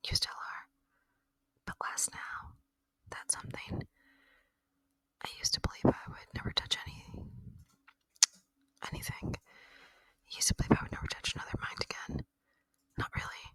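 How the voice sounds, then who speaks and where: In an ASMR roleplay, a performer uses a breathy whisper to voice a gentle, lonely ancient alien, speaking tenderly and reflectively. The recording is rough and has no room sound.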